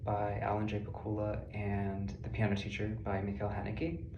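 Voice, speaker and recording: Young man, low flat voice, room echo, background noise. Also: moderate pace, lo-fi sound. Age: 20s. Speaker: film student, producer. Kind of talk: prepared self-introduction.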